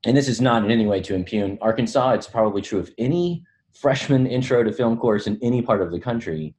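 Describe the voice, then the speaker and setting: A man's voice: medium pitch, animated, fast, darkish tone. A middle-aged man who teaches film, talking through ideas in a casual podcast chat, reflective and self-deprecating, often hedging his points.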